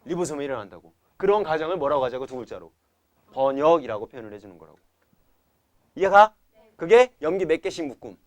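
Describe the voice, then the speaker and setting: A young man with a fairly high voice teaches science to a class, very animated and fast, constantly quizzing students with repeated questions and chanting memory tricks. The recording has no echo.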